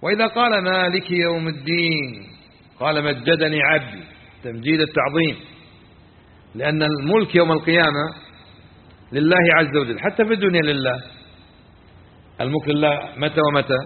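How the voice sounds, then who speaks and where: A man's voice: on the high side, normal speed, long pauses. Man teaching in a tinny echoing hall. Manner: quizzes listeners and repeats key phrases. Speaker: religious teacher. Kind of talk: classroom lesson explaining scripture. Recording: tinny phone-like sound with long hall reverb.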